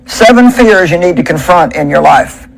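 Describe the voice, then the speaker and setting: A woman preaches at a pulpit microphone in a plain, conversational way. She presses her points with emphasis and pauses on rhetorical questions. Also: fairly low pitch, animated, gravelly, low-quality recording. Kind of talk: sermon.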